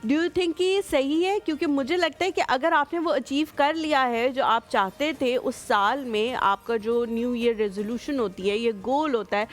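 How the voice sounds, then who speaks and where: A woman's voice: high-pitched, moderate pace, hardly any pauses. A woman, co-hosting a morning show, upbeat and encouraging, mixing in English phrases. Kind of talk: casual TV chat.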